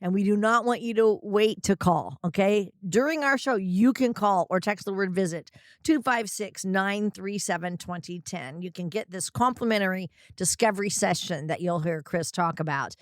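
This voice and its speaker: A woman's voice: medium pitch, moderate pace, no echo, studio quality. A woman hosting a radio talk show, upbeat and chatty as she reads out contact details and prompts her guests. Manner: upbeat, chatty, laughs often.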